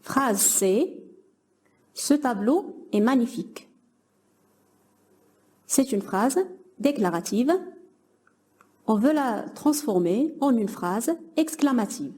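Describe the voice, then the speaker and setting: A woman's voice: fairly high pitch, animated, slow pace, long pauses, darkish tone. A young woman teaching a grammar lesson to middle-school pupils, patiently explaining and praising imagined answers.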